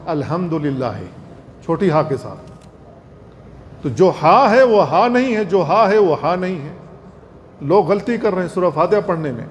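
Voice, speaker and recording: A male Islamic scholar giving an earnest religious lecture, repeating points and slowly demonstrating recitation. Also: high-pitched. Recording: long hall reverb, faint noise.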